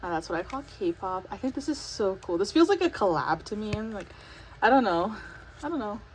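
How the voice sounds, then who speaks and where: A young woman talks through an unboxing at home in a chatty, excited way, a little out of breath and full of fillers. Her voice sits at a middle pitch. A faint hum of background noise runs under her talk. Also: brisk, poor audio. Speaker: vlogger unboxing an album. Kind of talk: casual chat.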